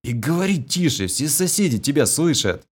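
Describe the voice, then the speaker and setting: Man doing a dry sarcastic young guy, lively voice. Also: fairly high pitch, moderate pace, slightly rough, pitched above the performer's own voice. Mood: wry.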